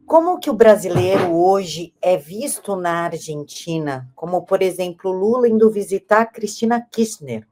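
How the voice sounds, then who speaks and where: A woman's voice: fairly low pitch, a little mellow. Emphatic woman interviewer. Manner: emphatic, opinionated questioning. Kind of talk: interview questions.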